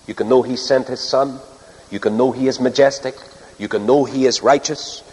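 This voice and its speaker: A middle-aged man with a Northern Irish accent preaching a sermon earnestly, with rhetorical repetition and dramatic pauses. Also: mid-range voice, fairly even intonation, a little mellow, slightly rough. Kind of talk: sermon to a congregation. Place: large hall or church, speaking to a live audience. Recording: long reverb of a large hall.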